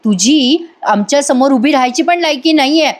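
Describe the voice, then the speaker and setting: A woman's voice: sits high, animated, normal speed. A woman voicing a young husband who scolds his wife harshly in a retold TV drama. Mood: furious. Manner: stern, scolding. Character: young husband, angry then tender.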